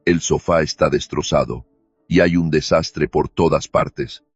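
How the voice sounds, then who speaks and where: A man's voice: a bass voice, unhurried, breathy edge, no echo, heavily acted. A man voicing a shaken young widowed lawyer. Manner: tense, shaky, flat even when upset. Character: anxious young woman lawyer, newly widowed. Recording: dull lo-fi recording with faint music.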